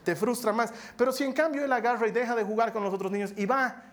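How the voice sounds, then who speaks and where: A male pastor giving a sermon in a lively, humorous storytelling manner, moving between loud emphatic lines and soft asides. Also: very high-pitched, fast.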